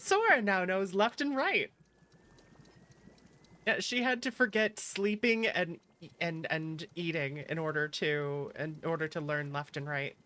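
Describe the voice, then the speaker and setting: She speaks on the low side at a measured pace, her tone a bit bright. As a woman streamer and virtual YouTuber with background music, she chats playfully and casually, teasing her viewers and reacting with animation to the chat.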